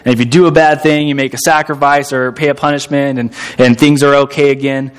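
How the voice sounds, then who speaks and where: A man's voice: medium pitch, steady tone, brisk, clear, resonant tone. A young American man giving a sermon-style talk to a group, hesitant with frequent fillers and repeated words, quizzing the listeners as he goes. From United States. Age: young adult. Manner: quizzes listeners and waits for answers. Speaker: seminary-trained speaker.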